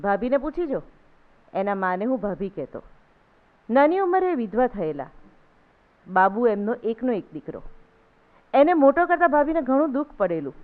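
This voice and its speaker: A woman reciting a literary essay in a steady, measured reading voice at a literary event. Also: on the high side. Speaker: essay reader. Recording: thin phone-like sound.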